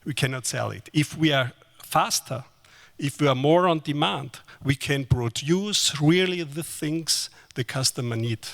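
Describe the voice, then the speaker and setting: A man's voice: on the high side, unhurried, vocal fry, fairly bright tone. A man speaking on a panel in short, plain, matter-of-fact statements. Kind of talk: panel discussion.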